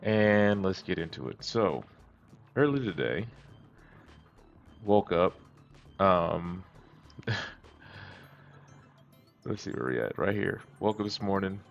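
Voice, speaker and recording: A man vlogging in a laid-back, rambling way, his voice sounding thin, tinny and muffled with no bass through a wireless headset. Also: expressive, takes it slowly, gravelly, pauses often. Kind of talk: casual chat to viewers. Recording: dull lo-fi headset audio. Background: faint music playing.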